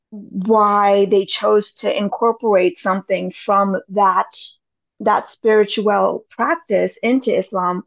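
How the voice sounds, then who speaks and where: Guesting on a podcast, an American woman in her thirties talks in a casual, meandering way packed with fillers. Her gravelly, medium-pitched voice comes through without echo on dull lo-fi audio.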